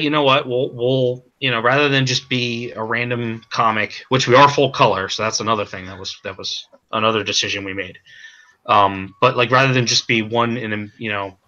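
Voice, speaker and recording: A man being interviewed as a comic creator, talking in a halting way with many repeated words and restarts. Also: on the low side, sharp tone, low-quality recording. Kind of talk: casual stream interview.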